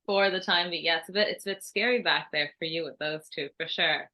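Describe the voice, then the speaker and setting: A young woman co-hosting a football podcast, lively and quick to laugh. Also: low voice. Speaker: podcast co-host. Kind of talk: casual football debate.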